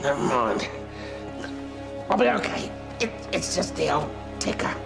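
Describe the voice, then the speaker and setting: A man's voice: a little high, sing-song, measured pace, vocal fry, over loud music, full character voice. An actor playing a jittery man who is scared of a spooky place, in an audio drama.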